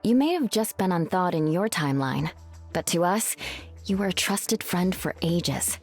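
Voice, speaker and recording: A woman's voice: on the low side, lively intonation, moderate pace, a little mellow. A woman voicing a confident, caring superhero mother in a video game, composed and wry. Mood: warm, encouraging. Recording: music behind.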